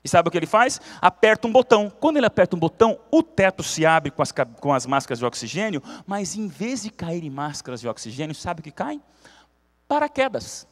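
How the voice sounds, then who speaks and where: A man with a Brazilian Portuguese accent, a pastor telling a story in a sermon with animated, theatrical delivery, preaching in a church. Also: sits high, a little fast. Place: church sanctuary.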